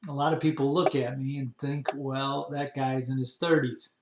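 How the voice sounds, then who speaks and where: A man in his fifties from Wisconsin, casually telling his life story in an unhurried, rambling way with many pauses. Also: mid-range voice, level tone, echoey room, noisy background. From Wisconsin, USA. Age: 50s. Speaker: vlogger.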